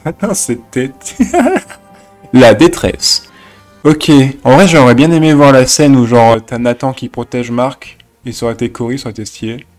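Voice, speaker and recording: Male reaction host, excitable and joking, mid pitch, light music under him. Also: normal speed. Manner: excitable, laughs often, jokey English asides. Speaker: reaction youtuber. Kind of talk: casual reaction commentary.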